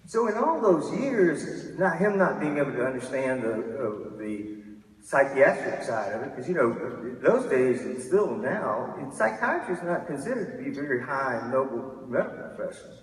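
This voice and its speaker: A man's voice: mid-range voice, big pitch swings, moderate pace. A man in his fifties giving a candid, self-deprecating keynote talk, often restarting his sentences. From Texas. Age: 50s. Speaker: keynote speaker. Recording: echoey hall from a distance.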